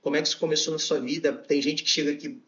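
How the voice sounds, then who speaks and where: A man's voice: on the high side, fairly even intonation, very fast, a bit bright, roomy sound, highs cut off. A man hosting a podcast, upbeat and chatty, often laughing as he talks. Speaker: podcast host. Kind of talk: casual chat.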